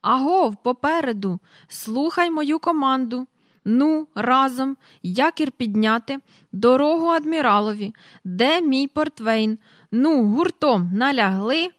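Woman as blustering old admiral in a storybook reading; loud, slow, commanding. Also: high-pitched, expressive, dry recording, studio quality, voice pushed up. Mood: booming commands. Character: bold old male sea admiral, booming.

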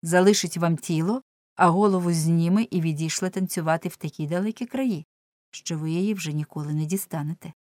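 A bold young jester voiced by a woman reading a storybook warns of doom with urgent, pleading insistence and a mocking edge. The voice is low for a woman and close, with no room around it. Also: fairly quick, a little mellow, dry recording, natural voice. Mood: urging.

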